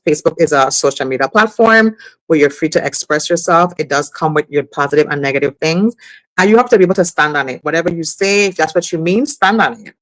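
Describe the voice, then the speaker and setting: A woman's voice: deep voice, dry recording, poor audio. Woman talking in dry sound. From US Virgin Islands. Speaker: talk show co-host. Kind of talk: casual conversational commentary.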